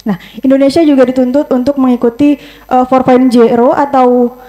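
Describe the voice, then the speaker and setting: A woman's voice: sits high, level tone, moderate pace, mellow, soft background music. A woman from North Sumatra asking a question from the audience, hesitant with frequent fillers.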